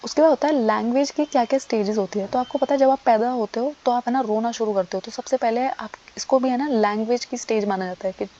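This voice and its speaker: A woman's voice: fairly high pitch, fast talker, hardly any pauses, dark tone, slight background noise. A woman teacher gives an exam-prep lecture, asking herself questions and answering them. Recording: dull lo-fi audio.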